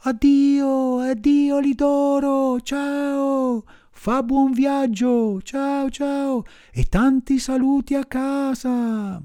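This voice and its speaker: A man's voice: very high-pitched, steady tone, very slow, dark tone, no room sound, clean studio sound, pitched above the performer's own voice, heavily acted. A man doing a cheeky wooden puppet boy. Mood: cheery.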